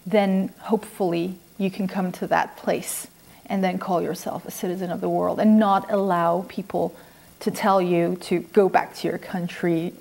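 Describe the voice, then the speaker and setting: Her voice is fairly low and mellow, level in tone with some vocal fry, as she pauses thoughtfully between phrases. The speaker, an Iranian-born children's author and former academic raised in Sweden, is answering interview questions unscripted in a quiet room of a house.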